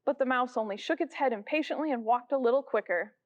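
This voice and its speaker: A woman reading a children's classic aloud as a guest reader, with animated storytelling. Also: on the high side, fast, highs cut off. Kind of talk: expressive read-aloud narration.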